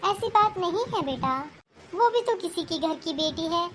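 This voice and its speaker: Woman voicing an older cartoon mother-in-law, lectures hard, very high-pitched. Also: lively intonation, moderate pace, fairly bright tone, slight background noise. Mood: lecturing. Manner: scolding, lecturing. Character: older scolding mother-in-law, sharp-tongued but fair. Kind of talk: cartoon voice acting.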